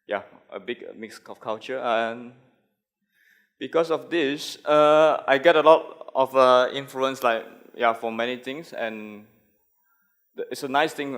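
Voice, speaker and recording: A man's voice: mid-range voice, a bit bright. A young Malaysian man, a graphic designer, giving a conference talk with many fillers and restarts.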